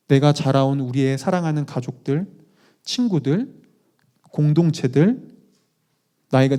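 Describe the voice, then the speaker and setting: A male pastor preaching a conversational sermon, animated, putting questions to the congregation with self-deprecating asides. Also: fairly high pitch.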